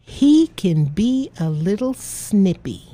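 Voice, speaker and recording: A woman's voice: mid-range voice, takes it slowly, noisy background. A woman hosting a playful game show, teasing the players and reading clues. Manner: teasing and energetic, counts down and reads clues.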